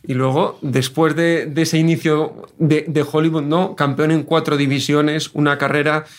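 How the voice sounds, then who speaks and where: A man's voice: on the high side, level tone, normal speed. A man interviewing a guest, asking questions and stumbling a little over his words.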